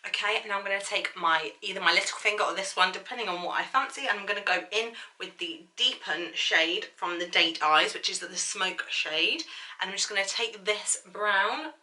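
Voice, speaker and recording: A woman's voice: medium pitch, moderate pace, pushed and bright, rough recording. A woman chatting casually through a makeup tutorial in a bubbly, gushing manner, with a slight lisp on her s sounds. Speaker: beauty vlogger.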